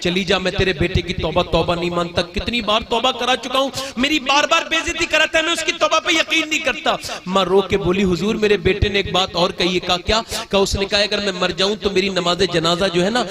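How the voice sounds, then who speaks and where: A man preaching an emotional sermon at a religious gathering, telling a story softly and then shouting appeals to the crowd. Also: sits high, steady tone, brisk.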